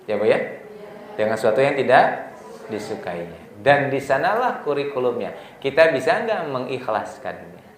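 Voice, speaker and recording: Preacher quizzing the crowd. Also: male voice, mid-range voice, big pitch swings, moderate pace, echoey room, a little hiss or hum. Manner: asks the audience questions and answers them himself; acts out tearful prayers in a soft, hushed voice. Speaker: preacher at a mothers' study circle. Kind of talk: religious lecture to women.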